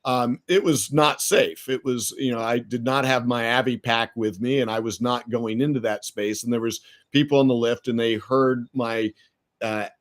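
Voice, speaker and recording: Speaking at a moderate pace with a mid-range voice and fairly even intonation, a middle-aged entrepreneur from the United States with an American accent is a guest on a podcast. In this casual interview he tells stories, often using fillers and starting sentences over.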